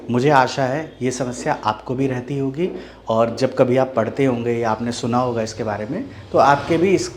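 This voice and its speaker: A man from the Mithila region of India, a Hindi teacher giving an online video lesson. He explains step by step, repeats example words slowly and often checks whether his listeners follow. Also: mid-range voice.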